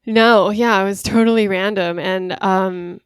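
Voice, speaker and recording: Chatty young woman with a smooth voice. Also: mid-range voice, steady tone, a little slow, no room sound, clean studio sound. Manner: chatty, laughs often, uses many fillers. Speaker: podcast co-host. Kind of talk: casual podcast chat.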